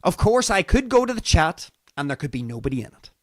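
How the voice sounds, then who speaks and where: A man with a Northern Irish accent talks casually to his livestream audience as host. His voice sits fairly high and swings widely in pitch. He is theatrical, repeating phrases for emphasis, and the sound is close and dry. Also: very animated, a little fast, no room sound. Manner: theatrical, emphatic repetition for effect. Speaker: livestream talk show host. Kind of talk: casual monologue to live stream audience.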